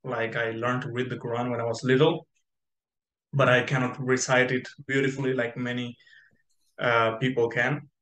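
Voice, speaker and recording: A man's voice: mid-range voice, level tone, moderate pace, a bit bright, slight background noise. A young man who grew up in Spain, telling his story as an interview guest on a video call, rambling with many fillers and restarts. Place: bright room indoors. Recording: echoey room on video call.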